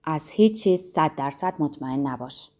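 A man's voice: fairly high pitch, animated, darkish tone, voice pushed down. A woman voicing a proud, homesick young man who speaks earnestly and insistently in a story. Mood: earnest, indignant.

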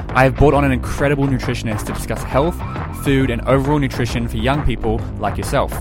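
A young man hosting a podcast and interviewing a guest, upbeat and eager. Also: medium pitch. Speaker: podcast host.

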